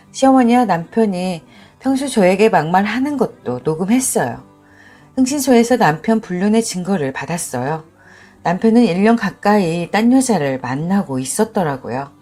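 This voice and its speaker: A woman narrating a dramatic first-person story with an expressive, emotionally charged delivery. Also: mid-range voice.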